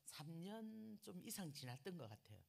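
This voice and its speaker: Woman pastor, middle-aged, Gyeongsang accent; animated storytelling sermon, very lively melody, loud lines and whispered asides. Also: on the low side, normal speed, creaky. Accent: Gyeongsang Korean.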